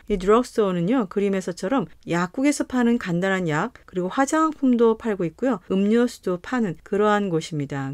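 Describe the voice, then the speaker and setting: A woman teaching English phrases in a lesson, modeling each sentence slowly and carefully. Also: medium pitch, no echo, studio quality. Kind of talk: scripted language lesson.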